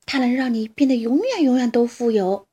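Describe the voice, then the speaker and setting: A woman voicing a curious, dreamy badger in a storybook, musing softly. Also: on the high side, animated, fairly quick, husky.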